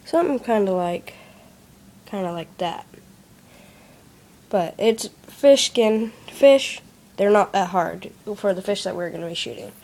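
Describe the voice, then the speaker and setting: A craft demonstrator at a desk in a small room walks through a casual how-to, step by step and in plain terms, recorded on a handheld phone. Her mid-range, slightly mellow voice is animated yet unhurried, and she pauses often.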